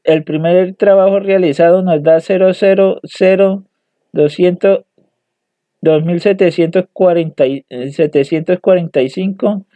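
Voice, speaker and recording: Hesitant young male student, high voice, slow delivery, reading results over lo-fi dry audio. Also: steady tone, warm tone, no room sound. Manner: hesitant, halting, repeats words and restarts. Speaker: student presenting homework. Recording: dry tinny phone-like audio.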